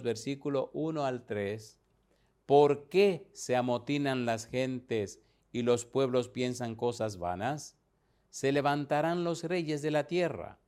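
A man preaching a sermon, reading scripture and explaining it in a slow, deliberate way. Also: mid-range voice, a little mellow.

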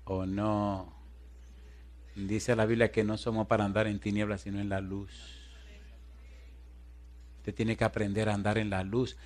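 Dominican preacher guy telling a story from the pulpit, acts out the voices, goes quiet and soft when he prays. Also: fairly low pitch. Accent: Dominican Spanish. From Dominican Republic. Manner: animated storytelling, acting out dialogue, laughing often; drops to soft, hushed prayer voice. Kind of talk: storytelling sermon.

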